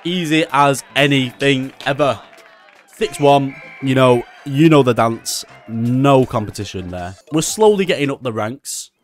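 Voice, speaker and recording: A young man giving casual gameplay commentary, excitable and swearing often, with frustrated outbursts. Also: mid-range voice, unhurried. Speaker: gaming YouTuber.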